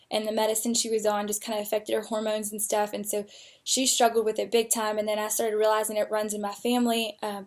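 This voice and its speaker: A young woman telling her personal story candidly and emotionally, with frequent fillers. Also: mid-range voice. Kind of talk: personal testimony.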